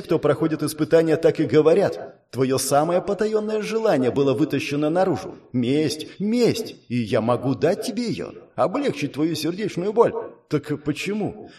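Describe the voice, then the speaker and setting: Male reader as a mind-voice spirit, sinister, demanding, hushed and insinuating. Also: fairly high pitch, distant mic, natural voice. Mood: puzzled. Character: mysterious bargaining spirit voice inside a mind.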